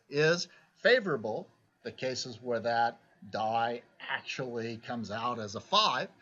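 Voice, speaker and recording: A man's voice: medium pitch, bright, forceful tone, breathy edge. A man giving a recorded philosophy lecture, explaining step by step and often checking in with "right?". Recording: dull lo-fi recording.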